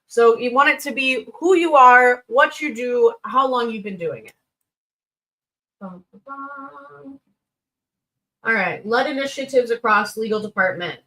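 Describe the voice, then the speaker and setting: On poor audio, a woman with a fairly high, bright, forceful voice talks at a moderate pace with few pauses. As a livestream host reviewing resumes, she offers blunt, informal feedback off the cuff, thinking aloud with little sing-song fillers.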